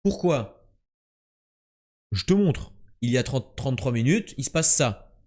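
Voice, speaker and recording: A young Frenchman banters and brags with his chat during a casual stream of word and geography games. His mid-range voice is sing-song, a little slow, and a little mellow.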